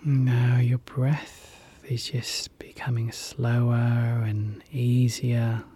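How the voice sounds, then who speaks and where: A relaxation guide leading a guided hypnosis session in a soft, soothing whisper, repeating gentle calming phrases. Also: mid-range voice, very slow, breathy edge.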